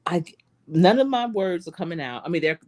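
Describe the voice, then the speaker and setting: Fairly low in pitch and fairly quick, a middle-aged woman from Charlotte, judging by her accent, talks casually to live stream viewers as a life coach. Her storytelling is animated and full of laughs.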